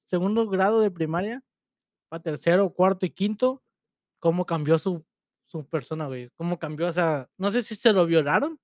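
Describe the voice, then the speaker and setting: A young man with a Mexican Spanish accent co-hosts a podcast, chatting casually in crude slang and laughing a lot. His voice is high and his speed normal, captured as clean studio sound with no room sound.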